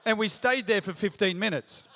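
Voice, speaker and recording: A man in his forties preaching to a large church crowd, his voice pitched high and bright. He tells his story with self-mocking humor and builds up to punchy questions. The sound rings out with a long hall reverb. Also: normal speed. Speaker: pastor. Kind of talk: sermon.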